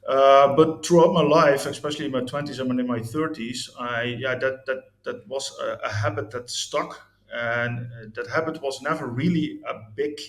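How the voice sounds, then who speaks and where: Recorded in an echoey room, a Dutch man in his fifties candidly recounts his life as an interview guest. His mid-range voice keeps a steady tone at normal speed with hardly any pauses, though he hesitates through many restarts and fillers.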